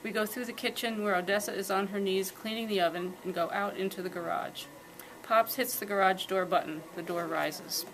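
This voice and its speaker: A woman reading her own first-person fiction aloud at a live reading, with calm, steady storytelling. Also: mid-range voice, fairly quick, a little hiss or hum, low-quality recording.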